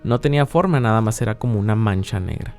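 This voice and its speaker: A man's voice: lowish voice, lively intonation, fast, darkish tone, soft background music. A man co-hosting a podcast, telling paranormal stories in a casual, conversational way. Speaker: podcast co-host.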